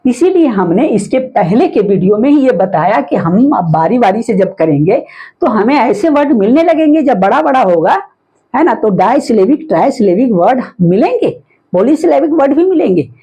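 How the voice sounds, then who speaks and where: A woman teacher explaining a phonics lesson, sounding words out slowly letter by letter and often checking with the listener. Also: a little high, big pitch swings, warm tone, slightly rough, muffled recording. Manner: patient, repetitive explaining with frequent "है ना" checks.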